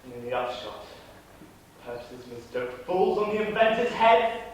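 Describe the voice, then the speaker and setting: Young male actor as loyal grieving nobleman, impassioned stage verse, widely varied pitch, heavy hall echo. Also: big pitch swings, normal speed, close to an everyday voice. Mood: solemn. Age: young adult. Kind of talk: theatrical Shakespearean stage acting. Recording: very echoey hall, distant mic, faint noise.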